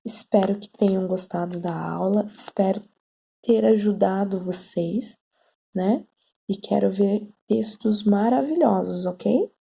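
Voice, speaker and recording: A woman's voice: medium pitch, creaky, mellow, husky. A woman teacher giving a patient online lesson on writing, checking in often with her students. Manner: slow, patient explaining with frequent "tá?" and "né?".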